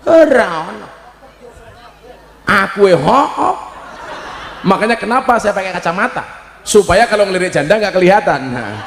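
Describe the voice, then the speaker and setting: A man with a Javanese accent preaching a humorous live sermon, joking and breaking into loud, emphatic shouts. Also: high voice, lively intonation, moderate pace, pauses often, a little hiss or hum. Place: large hall at a live religious gathering. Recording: echoey hall with long reverb.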